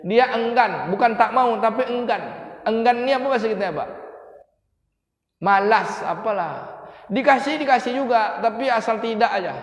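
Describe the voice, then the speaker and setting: A man preaching a lively sermon, questioning his congregation. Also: sits high. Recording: echoey hall.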